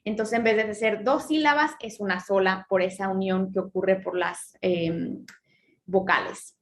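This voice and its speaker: A woman teaching Spanish literature, explaining step by step, checking in with her students often, and reading verse slowly when she counts syllables. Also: mid-range voice, fairly even intonation, slight background noise. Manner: reads verse lines slowly, drawing out syllables. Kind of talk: lesson on poetry.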